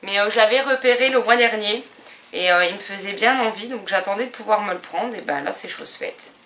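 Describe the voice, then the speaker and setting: Casual French woman vlogger showing her purchases, chatty with lots of fillers, bright tone. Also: medium pitch, a little fast. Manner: chatty, hesitant with many fillers. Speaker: book and stationery vlogger. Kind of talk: casual haul video chat.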